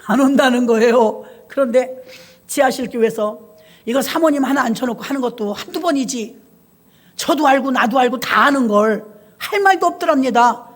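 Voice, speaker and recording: A woman's voice: high-pitched, normal speed. A middle-aged woman pastor preaching a sermon, telling stories and acting out the voices of the people in them. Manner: animated storyteller acting out voices. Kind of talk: sermon with storytelling.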